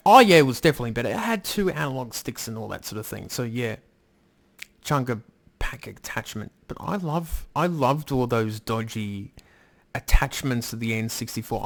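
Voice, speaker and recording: A man hosting a live stream, rambling casually and swearing now and then as he answers his chat. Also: medium pitch. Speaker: livestream host reading chat.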